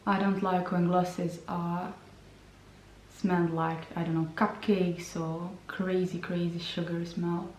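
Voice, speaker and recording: Slow, hesitant woman in a roomy space. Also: on the low side, little pitch movement, darkish tone, a little hiss or hum. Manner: slow, hesitant, repeats words. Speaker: beauty vlogger. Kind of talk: product review and swatches. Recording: roomy sound from a distance.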